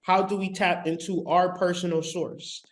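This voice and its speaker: A man's voice: sits high, little pitch movement, normal speed. A man giving a live-streamed spiritual lecture. He talks in an emphatic, repetitive, colloquial way, straight to his viewers, on a laptop mic. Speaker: spiritual teacher.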